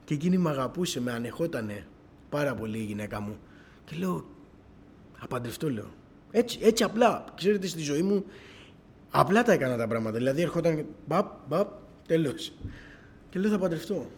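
A middle-aged man giving a personal testimony to a church gathering, telling his story as an animated storyteller who keeps quoting dialogue. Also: a little high, slight background noise.

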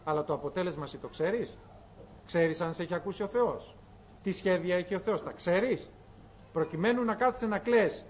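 A man's voice: sits high, slight background noise. A man teaching a Bible lesson, preaching emphatically with rhetorical questions and dramatized scripture, on a dull lo-fi recording.

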